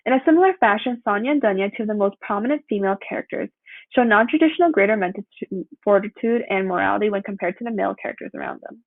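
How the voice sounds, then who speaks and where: A young woman reading a prepared student presentation aloud. She keeps a steady pace and sometimes stumbles and corrects herself. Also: mid-range voice, fast, dry recording. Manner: steady read-through with occasional slips and self-corrections. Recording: dry, tinny phone-like sound.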